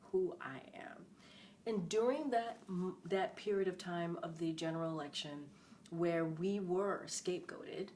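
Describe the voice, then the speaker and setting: This former press secretary speaks as an interview guest in a conversational setting, with a fairly low-pitched, darkish voice. She's middle-aged, earnest and emphatic, and tends to repeat key phrases. Slight background noise is audible.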